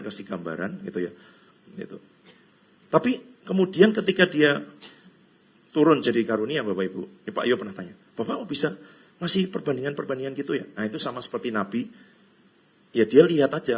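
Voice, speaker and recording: A middle-aged man from Indonesia preaches in a loose, conversational way, teasing his listeners and tossing in English phrases. His voice is gravelly and husky, sits a touch high, and leaps around in pitch. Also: sing-song, brisk. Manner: chatty, teasing, mixes in English phrases and playful quoted voices. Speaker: pastor. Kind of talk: conversational sermon. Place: church hall.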